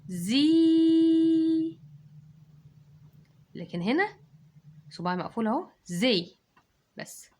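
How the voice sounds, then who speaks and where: A woman's voice: medium pitch, a little hiss or hum. A woman with an Egyptian Arabic accent giving a children's dictation lesson, stretching out each syllable as she dictates. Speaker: teacher.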